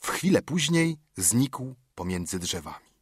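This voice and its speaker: A male audiobook reader tells the story at a measured, steady clip. His voice is mid-pitched and husky. He is recorded dry and close on a studio mic. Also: no room sound. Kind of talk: scripted narration.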